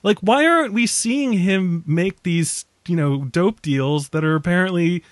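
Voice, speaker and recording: A man's voice: high voice, unhurried, dry recording. A man casually discussing a film on a podcast, rambling and laughing often. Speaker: podcast co-host.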